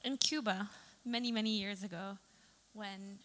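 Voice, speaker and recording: A woman's voice: medium pitch, steady tone, moderate pace, fairly bright tone. A young adult woman, a photographer from Saudi Arabia, giving a chatty presentation talk with fillers and self-corrections. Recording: long reverb of a hall.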